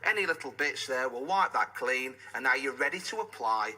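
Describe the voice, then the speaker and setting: Husky, bright home shopping pitchman. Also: expressive, moderate pace. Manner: instructional, step-by-step, emphatic selling. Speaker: product demonstrator on a home shopping show. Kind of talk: home shopping host pitch, live product demonstration.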